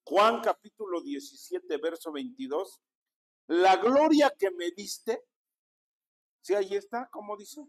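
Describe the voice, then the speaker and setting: Preaching in a notably high voice, a Mexican pastor delivers an animated sermon at an unhurried, deliberate pace. With his Mexican Spanish accent, he repeatedly invites the congregation to answer him and repeat what he says.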